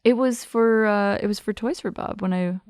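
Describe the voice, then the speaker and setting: A woman's voice: medium pitch, moderate pace, darkish tone, smooth, no echo, clean studio sound. A woman co-hosting a podcast, chatting in an upbeat, bubbly way. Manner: bubbly, laughs often, upbeat. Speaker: podcast co-host. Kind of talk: casual chat.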